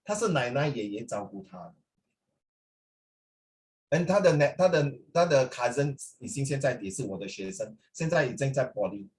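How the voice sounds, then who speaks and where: A medium-pitched, expressive voice at normal speed belongs to a middle-aged language teacher with a Singaporean accent. His informal talk with students flips between English and Mandarin, with "ah" and similar tags coming up often.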